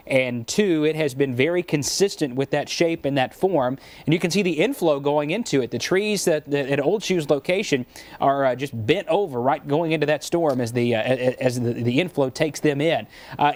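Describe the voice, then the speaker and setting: A man's voice: a little high, a little mellow, no echo. A man working as a TV meteorologist, giving emphatic, explanatory live storm commentary.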